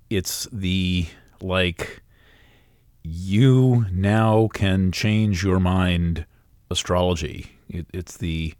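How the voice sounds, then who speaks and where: A man's voice: low voice, a little mellow, no room sound, clean studio sound. A man giving a casual, rambling astrology reading, full of fillers and restarts, hiccuping now and then.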